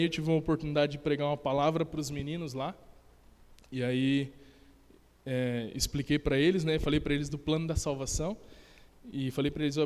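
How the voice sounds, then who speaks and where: A young Brazilian man giving an animated testimony during a church service, acting out the dialogue of his story. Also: on the high side. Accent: Brazilian Portuguese. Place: church sanctuary. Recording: long church hall reverb.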